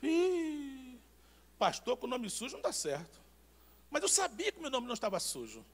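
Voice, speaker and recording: A Brazilian man preaching a sermon as pastor, telling personal anecdotes in an animated, emphatic way with repeated words. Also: very high-pitched, moderate pace. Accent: Brazilian Portuguese.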